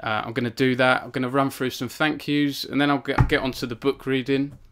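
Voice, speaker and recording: A man's voice: mid-range voice, little pitch movement, brisk, background noise. A young man hosting a casual live stream from his home cabin, rambling with many fillers and self-deprecating asides. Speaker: author hosting a book launch stream.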